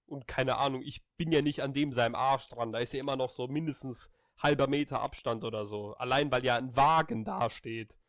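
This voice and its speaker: A man telling a story in casual chat, animated and blunt, dropping slang freely. His voice sits at a middle pitch. The recording is dry and close, with no room sound. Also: fairly quick, few pauses, no room sound. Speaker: friend chatting.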